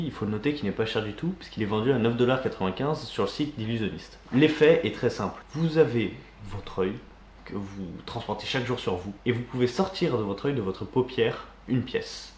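A man co-hosts a casual magic news show and gives the facts in an even, informative way. He is recorded in an echoey room. A faint hiss sits under his voice. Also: medium pitch. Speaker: co-host.

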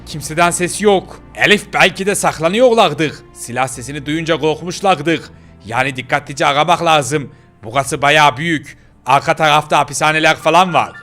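A man's voice: fairly high pitch, moderate pace, sharp tone, soft background music. A man voicing a nervous young local man in a game role-play, hesitant and stammering.

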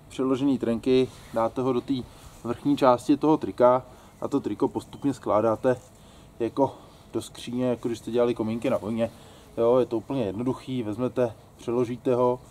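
A man in his thirties with a mid-range, darkish voice hosts a casual how-to video for an outdoor gear channel. He chats and jokes in colloquial Czech, recorded outside in a grassy yard beside a wooden shed.

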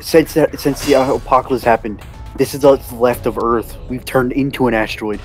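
A man's voice: medium pitch, fairly even intonation, a little fast, music in the background. A man playing a game with friends on a voice call, teasing and arguing in playful banter. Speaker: player in the game session. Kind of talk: casual gaming chat with friends.

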